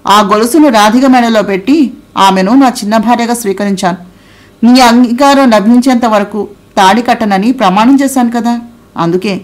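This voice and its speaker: A woman's voice: a little high, natural voice. A woman voicing a confident young husband who talks in a breezy, smug, unruffled way, in an audio novel.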